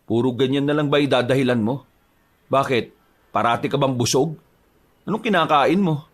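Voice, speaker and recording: A man's voice: medium pitch, normal speed, close to an everyday voice. A man voicing an irritable, suspicious young husband who answers curtly, in a horror audio drama. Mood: accusing. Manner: curt, snapping.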